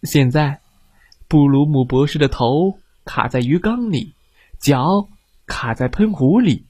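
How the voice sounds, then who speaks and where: A man telling a bedtime story to children, gentle and expressive. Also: on the high side, slow, slightly rough, no room sound.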